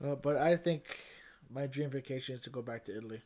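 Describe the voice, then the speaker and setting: A man co-hosting a casual podcast, swearing freely and breaking into laughter and loud outbursts. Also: medium pitch, fast talker, a little hiss or hum. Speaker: podcast co-host.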